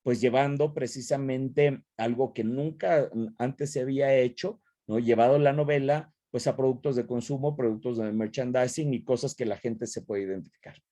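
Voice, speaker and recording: A man's voice: medium pitch, steady tone, moderate pace, hardly any pauses, warm tone, dry recording, clean studio sound. A man giving an online lecture, talking in a loose spoken style with many tag questions and restarts. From Mexico. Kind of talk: online talk with Q&A.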